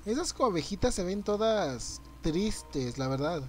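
A young man, streaming a game live, reacting loudly, swearing and greeting his chat. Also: high-pitched, big pitch swings, measured pace, soft background music. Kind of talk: live gameplay commentary.

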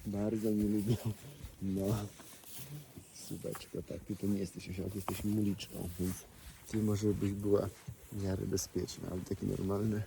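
A man's voice: fairly low pitch, flat delivery, normal speed, creaky, noisy background. A man at an animal sanctuary, chatting fondly to donkeys and viewers as he walks through their paddock. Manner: affectionate, chatty, talks baby-talk to donkeys. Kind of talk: casual vlog talk to animals and viewers. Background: animal sounds outdoors.

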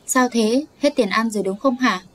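A woman's voice: fairly high pitch, normal speed, lightly acted. A woman voicing a kind, caring woman neighbor.

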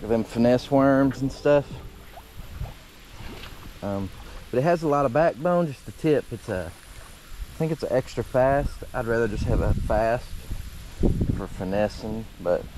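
Guy rambling about his fishing gear from a kayak, easygoing folksy talk, lots of outdoor noise in the audio. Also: medium pitch. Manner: laid-back, rambling, folksy.

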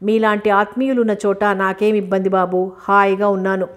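A woman's voice: medium pitch, flat delivery, moderate pace, lightly acted. A woman reading the lines of a polite, humble older village schoolteacher in an audiobook. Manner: polite, modest.

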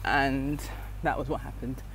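A woman's voice: rumbling low, little pitch movement, unhurried. A young woman chatting casually as she walks outdoors, rambling and confiding, recorded on a wired earphone mic. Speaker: vlogger, mother. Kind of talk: casual walking vlog chat. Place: outdoors on a city street. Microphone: wired earphone mic, phone at arm's length. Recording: street noise and passing traffic.

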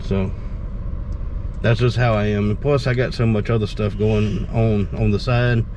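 A man's voice: fairly low pitch, steady tone, measured pace, a little mellow. A man in his thirties, a reseller vlogger, chatting in a folksy, rambling way from the driver's seat of his car. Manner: folksy, rambling, repeats himself. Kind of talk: casual chat. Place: car, driving. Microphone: dash-mounted camera. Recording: car road noise. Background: road noise.

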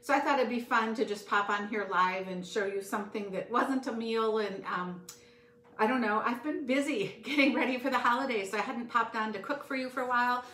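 Speaking fairly quickly in a high, somewhat bright voice, a middle-aged woman hosts a live home cooking show and keeps up friendly chatter with viewers as she works the counter. Soft music plays in the background, and the fixed camera across the counter catches a roomy echo from the indoor kitchen.

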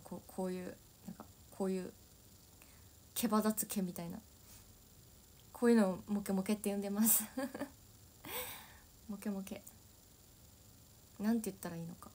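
A young woman chats casually on a solo livestream, giggling and answering viewer comments. Her voice sits at an everyday middle pitch. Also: dark tone. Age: young adult. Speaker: idol livestreamer.

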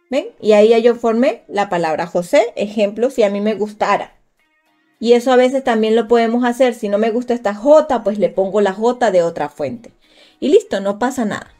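A woman's voice: fairly high pitch, dark tone. A woman teaching a live design class, chatting directly with her viewers and thinking aloud as she works. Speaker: crafts instructor. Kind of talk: live-streamed software tutorial.

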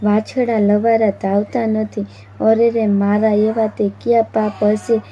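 A woman's voice: medium pitch, flat delivery, unhurried, slightly rough. A woman voicing a suffering talking cow who pleads for help, in a plaintive, lamenting way, on a dull lo-fi recording with faint noise. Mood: pleading.

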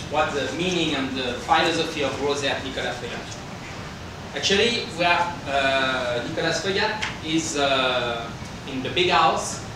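In an indoor hotel function room, a winemaker from France, middle-aged with a somewhat high voice, stumbles through an informal talk in plain, halting English. A far-off microphone captures him, giving a roomy sound with noise in the background.

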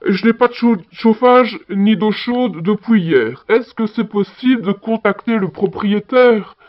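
A man's voice: high voice, animated, a little slow. A man with a Belgian French accent leaving a chatty answering machine message as a caller, with plenty of little fillers. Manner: chatty, fillers like voilà and hein. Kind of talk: phone message in a listening exercise. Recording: muffled answering machine audio.

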